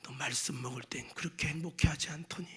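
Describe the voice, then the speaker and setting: A man voicing God as a sad, gentle presence who speaks low and softly. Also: fast, breathy edge, heavily acted. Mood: reproachful. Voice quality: hushed, low, wounded.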